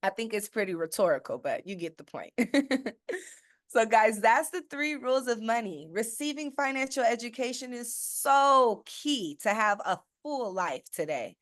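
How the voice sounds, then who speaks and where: A woman's voice: fairly high pitch, lively intonation, normal speed, a bit bright, no echo, studio quality. A woman, a financial educator, giving a persuasive webinar presentation with emphatic points and rhetorical questions, often checking in with "okay?". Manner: checks in with listeners with a frequent "okay?". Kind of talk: sales-style webinar presentation.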